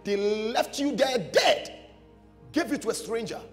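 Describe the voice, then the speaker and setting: Music and long hall reverb surround this man's very high-pitched, fairly bright voice as he preaches at a measured pace with lively intonation. He's a pastor on a large church stage facing a seated crowd, telling a dramatic story emphatically and repeating short phrases.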